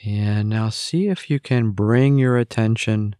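A guided meditation is led by a man with a fairly low voice who talks very slowly, giving gentle directions and leaving long pauses. The close, dry recording has a clean tone with no room sound.

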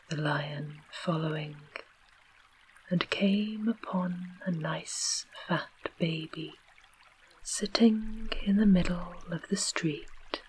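A woman with an English accent reading a bedtime story in a soft unvoiced whisper, as whispered role-play. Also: fairly low pitch, a little hiss or hum, low-quality recording. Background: faint trickling water ambience.

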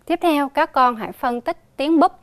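A female primary school teacher with a Southern Vietnamese accent, leading a slow reading lesson for young children and spelling out sounds with emphatic repetition. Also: high-pitched, dry recording. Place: recorded for a TV lesson.

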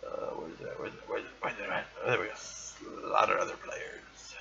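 A man's voice: low-pitched, animated, moderate pace, gravelly, muffled recording, a crowd in the background. A man hosting a podcast, chatting casually as he plays an old online game, reading its text aloud with playful bravado. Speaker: podcast host. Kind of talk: casual gameplay commentary.

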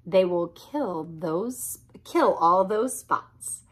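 A woman's voice: fairly low pitch, expressive, very slow, breathy edge, full character voice. A woman voicing a big, boastful, cheerful storybook cat with a showy, emphatic manner. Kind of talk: storybook character reading.

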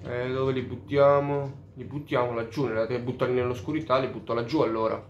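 A man's voice: mid-range voice, little pitch movement, a little fast, highs cut off, slight background noise. A man giving casual let's play commentary, swearing freely and openly baffled by the game. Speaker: gamer. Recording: roomy echo.

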